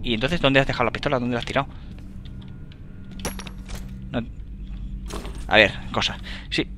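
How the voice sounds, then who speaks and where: A young man with a Spain Spanish accent giving let's play commentary, excitable, swearing and yelling at enemies as he plays. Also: mid-range voice, normal speed, a little hiss or hum. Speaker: gamer.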